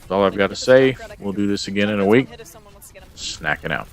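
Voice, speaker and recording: A man's voice: lowish voice, lively intonation, brisk, gravelly. A man recording a casual video log about his game stats, rambling and hesitant with plenty of ums and uhs. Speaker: gamer vlogger.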